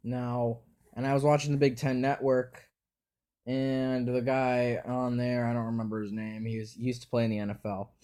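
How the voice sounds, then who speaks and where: A man with a mellow, darker tone at an ordinary middle pitch, talking through his football picks in a casual, unscripted way. He thinks aloud as he goes, hesitating, repeating words and restarting his sentences. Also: level tone, normal speed, clear, resonant tone. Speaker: sports predictions host.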